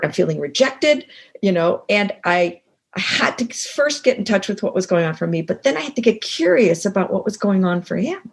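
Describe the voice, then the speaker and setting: A middle-aged woman speaking as an interview guest, telling a personal story with lively acted-out dialogue. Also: mid-range voice, vocal fry, slightly rough. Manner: animated storyteller, acts out quoted dialogue. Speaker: guest, co-author and professor.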